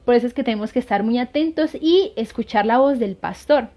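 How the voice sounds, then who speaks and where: In this dull, lo-fi recording, a lay missionary with a fairly high, dark-toned voice speaks briskly as she earnestly recounts a saint's life for her viewers. Her devotional storytelling is full of hesitations and fillers.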